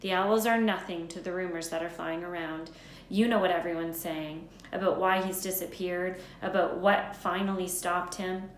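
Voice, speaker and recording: A woman's voice: fairly low pitch, fairly even intonation, normal speed, reverberant, slight background noise, natural voice, low-quality recording. A woman voicing an anxious, exasperated older witch professor from a storybook, stern, incredulous and emphatic. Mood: pressing, exasperated.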